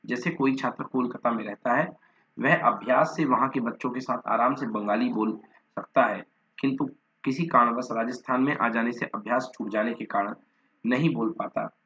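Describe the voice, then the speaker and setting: A man's voice: medium pitch, normal speed, a bit bright. A male teacher gives a lecture, working through his notes point by point. He lists terms one after another and now and then repeats or corrects a word. His voice sits in a middle range, and the recording sounds dull and lo-fi. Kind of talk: Hindi lecture reading from notes.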